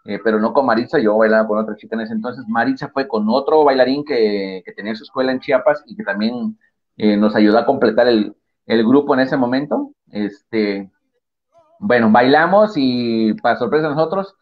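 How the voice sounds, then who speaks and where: A man, a salsa dancer, telling a long story as a guest on a live-stream interview over video call, with lots of fillers. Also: mid-range voice. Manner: rambling, storytelling with many fillers. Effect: lo-fi video call audio. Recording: dull lo-fi video call audio.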